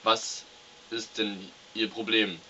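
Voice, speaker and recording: A man's voice: lowish voice, level tone, slow, sharp tone. A man playing an earnest TV field reporter conducting a mock news interview on a hissy recording. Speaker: co-host. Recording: dull, hissy, noisy recording.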